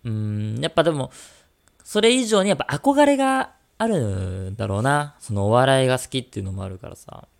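A man chatting casually as co-host of a radio-style podcast, joking and teasing as he talks. His voice moves up and down a lot, with a gravelly edge of fry at the ends of phrases. It sits at an ordinary male pitch. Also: sing-song, fairly quick.

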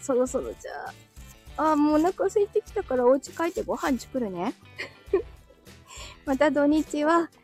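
A woman's voice: sits high, animated, unhurried, pauses often, a little mellow, soft background music. Giggly woman chatting on a live stream. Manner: giggly, chatty, laughs often between phrases. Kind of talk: casual live-stream chat reading comments. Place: indoors at home.

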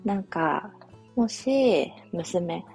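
A young woman, a mother, telling a personal family story in a soft, reflective, casual way with many fillers. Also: fairly low pitch, lively intonation, very slow, creaky. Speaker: podcast host, mother. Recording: faint music behind.

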